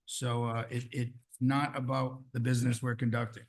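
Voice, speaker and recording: A man chairing a town council meeting in a council chamber, brisk and informal. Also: medium pitch, flat delivery.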